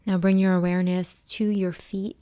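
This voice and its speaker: A yoga and meditation teacher leads a body scan meditation, her voice lowish, very mellow, level and clean. She speaks softly and soothingly, with long pauses between gentle instructions. The recording is dry, without any room echo.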